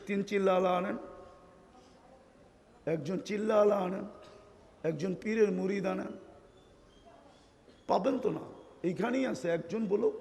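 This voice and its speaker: A man preaching a waj sermon, fervent, firing rhetorical questions at the crowd and swinging from soft to loud. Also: sits high, creaky. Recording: long hall reverb.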